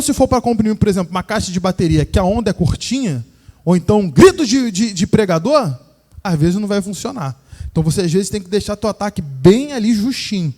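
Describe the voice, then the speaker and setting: A man's voice: sits high, warm tone, dry recording, clean studio sound. A Brazilian man teaching a live sound-engineering class, explaining casually and checking in with his listeners. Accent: Brazilian Portuguese. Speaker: sound course instructor. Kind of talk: live hands-on demonstration lesson. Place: room with a live audience and a sound system.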